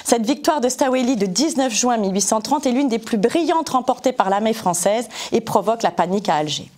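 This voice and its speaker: A woman's voice: on the high side, animated, a little fast, a little mellow. A woman giving a spoken historical account, hesitant with frequent fillers and self-corrections. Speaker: history presenter.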